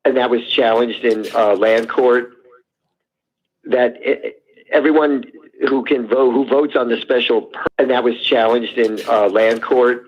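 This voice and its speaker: A man's voice: medium pitch, fairly even intonation, unhurried. A man on a phone line, calling into a public meeting as a board member and explaining procedure carefully. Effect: heard over a phone line. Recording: muffled, husky phone line.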